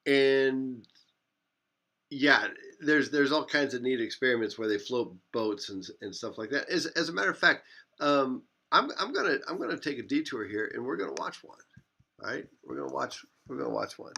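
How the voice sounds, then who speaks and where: A male physics instructor lectures a class, rambling, correcting himself and repeating phrases as he goes. He speaks at normal speed in an animated, medium-pitched voice that is creaky, pushed and bright.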